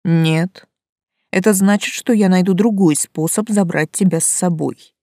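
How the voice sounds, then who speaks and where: A woman's voice: low voice, a little slow, dry recording, studio quality. Woman reading as a sly mocking forest spirit. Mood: teasing. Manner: calm, teasing, quietly menacing.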